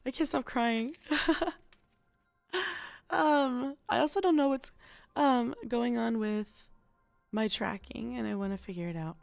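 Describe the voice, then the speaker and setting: A woman's voice: fairly high pitch, gravelly. A young woman streaming a casual chat, rambling and chatty with lots of fillers. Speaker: VTuber streamer.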